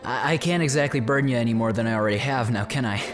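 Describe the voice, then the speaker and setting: A man's voice: mid-range voice, rapid-fire, faint music behind, natural voice. A man voicing a loyal, laid-back young gamer buddy in an anime fan dub, with slangy, stammering, casual delivery. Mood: apologetic, reassuring.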